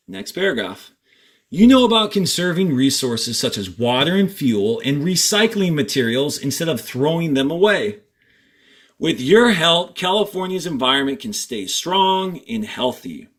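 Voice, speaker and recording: A fourth-grade teacher with a mid-range voice reads aloud from a textbook, deliberately stressing key words and adding short instructional asides.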